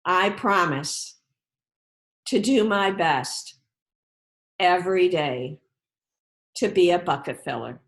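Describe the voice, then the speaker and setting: Addressing children as she reads, this female author sounds expressive, her pitch fairly low. She guides and encourages them, stressing her words with careful emphasis.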